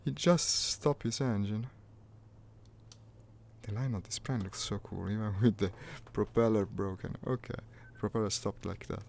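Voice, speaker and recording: A gaming streamer plays a flight simulator and keeps up wry commentary, half talking to himself. His voice is lowish and a little mellow with vocal fry, at a moderate pace. The stream audio is noisy.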